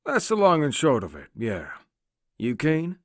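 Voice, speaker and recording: A rugged, easygoing bounty hunter in an audio drama. He talks casually, and his pitch moves around a lot. The recording is close and dry. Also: huge pitch swings, measured pace, no echo, exaggerated voice. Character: rugged scarred male bounty hunter, laid-back. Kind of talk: full-cast audio drama.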